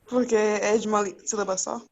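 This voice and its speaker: A woman's voice: mid-range voice, fairly even intonation, brisk. Eager female student answering. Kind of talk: answering questions in class.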